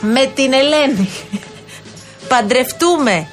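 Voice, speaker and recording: Woman radio co-host, slightly high voice. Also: lively intonation, faint music behind. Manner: patient, explaining step by step. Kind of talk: casual banter on air. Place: radio studio.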